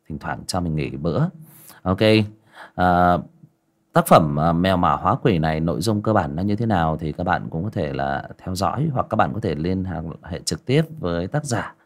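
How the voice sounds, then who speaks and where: A man hosting a livestream, chatting with viewers and narrating a folk ghost story aloud. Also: sits low. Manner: chatty, lively, drawn-out storytelling delivery. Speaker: storyteller and channel host.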